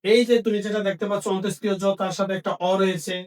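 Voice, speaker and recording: A man's voice: high voice, level tone, very fast, a little mellow, far from the mic. A man teaching a language lesson, asking questions and then answering them himself, repeating each key point. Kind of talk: Bengali grammar lesson.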